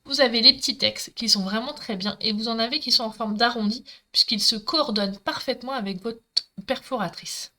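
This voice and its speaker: Woman, Marseille accent, talkative live crafting host, bright forward voice, middle-aged. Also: fairly high pitch, a little fast. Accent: Marseille French. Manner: chatty, talkative, addresses viewers directly. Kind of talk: live crafting tutorial, chatting with viewers.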